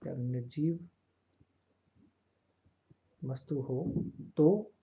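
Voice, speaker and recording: A man teaching a grammar lesson for exam prep, slowly repeating phrases and often checking that listeners follow. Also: medium pitch, gravelly, phone-quality sound.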